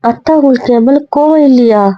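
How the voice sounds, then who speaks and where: A woman's voice: high voice, brisk, lo-fi sound, slight background noise, close to an everyday voice. A woman playing a young wife who keeps coaxing and pleading with her husband in an amateur audio drama.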